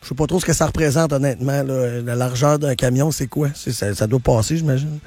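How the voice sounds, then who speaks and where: A man's voice: mid-range voice, a little fast, mellow, no echo, soft background music. A man with a Quebec French accent, hosting a radio show and commenting on traffic news in a casual, opinionated way with lots of fillers and restarts. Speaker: radio host.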